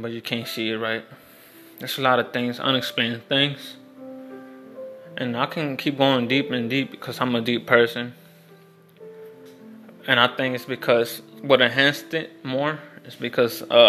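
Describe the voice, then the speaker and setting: A young man rambles through a personal story in a loose, unscripted way. His voice is bright and forward, and his pitch stays level and flat. Faint guitar music plays underneath. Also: unhurried. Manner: rambling, many restarts and fillers, frank. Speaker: vlogger. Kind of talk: casual storytelling monologue.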